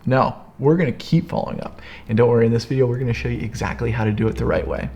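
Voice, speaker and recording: A young man co-hosting a coaching talk, energetic and emphatic, explaining sales follow-up in a casual teaching chat. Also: mid-range voice, very fast, slight background noise. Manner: energetic, emphatic, repeats "here's the deal". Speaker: co-host, business coach.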